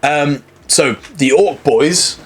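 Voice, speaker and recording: A man's voice: fairly high pitch, husky, soft background music. A man acting as game master, explaining rules and narrating the action in a tabletop game. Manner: rules talk and quick narration.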